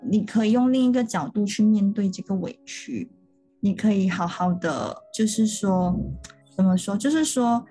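A woman's voice: mid-range voice, normal speed, mellow, slightly rough, soft background music. A woman co-hosting a podcast, talking through ideas in an earnest, step-by-step casual chat. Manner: earnest, explanatory, talks through steps. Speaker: podcast co-host.

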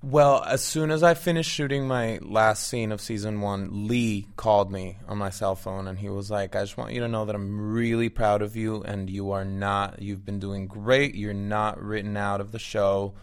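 Here a Venezuelan actor guest speaks in a lowish, smooth voice at normal speed with a level tone. His first language is Spanish, and his Venezuelan accent comes through as he chats eagerly in a casual interview, frequently restarting what he says.

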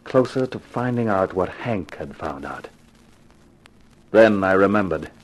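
A man with a deep voice acts as a wry, hard-boiled radio detective in a 1950s-style drama, a wisecracking private eye narrating his case. His delivery is unhurried yet lively in intonation, tough and slangy, and the vintage radio recording is noisy.

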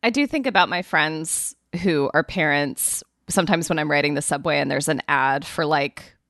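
A woman hosting a podcast speaks in a low-ish, easygoing voice. The recording is dry and close, with no room sound, and she asks her questions with light laughs. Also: normal speed, a bit bright, no room sound. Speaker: podcast host. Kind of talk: casual conversation.

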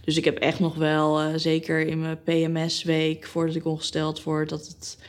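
A woman's voice: low-pitched, completely flat delivery, moderate pace. A woman in her thirties talking in a casual conversation, reflective and hesitant, with many fillers. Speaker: guest.

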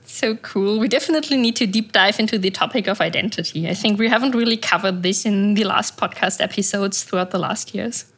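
A woman's voice: medium pitch, fairly quick, hardly any pauses, fairly bright tone. A woman co-hosting a podcast, speaking in a cheerful, breezy way and laughing easily. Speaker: podcast co-host. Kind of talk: casual podcast chat.

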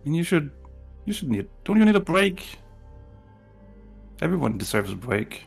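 A man's voice: a little high, sing-song, moderate pace, gravelly, breathy edge, soft background music, pitched above the performer's own voice, exaggerated voice. A man playing a shape-shifted woman posing as a noble lady, coaxing and full of hesitant restarts.

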